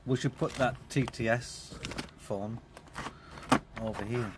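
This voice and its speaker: A man's voice: mid-range voice, fairly even intonation, takes it slowly, very noisy. A man chatting casually on a live stream in a vehicle workshop, wandering and repeating himself. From South East England. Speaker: streamer fixing his van.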